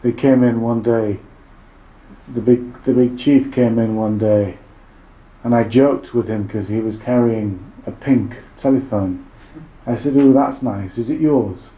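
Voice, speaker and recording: A man narrating a documentary in a calm, measured way, and interviewing people he filmed. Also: medium pitch. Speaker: documentary filmmaker. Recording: roomy sound with music behind.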